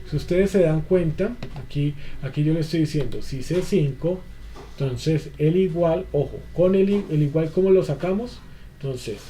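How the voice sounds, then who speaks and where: A male instructor teaches an online spreadsheet class, patiently walking through each step and repeating fillers like "entonces" and "listo" many times. His voice is medium-pitched and mellow, with slight background noise.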